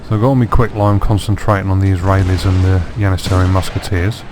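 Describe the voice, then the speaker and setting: A man's voice: low-pitched, level tone, fast talker, noisy background. A man with a sore throat giving dry, wry let's play commentary on a strategy game. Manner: dry, wry self-mocking asides. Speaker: gameplay commentator.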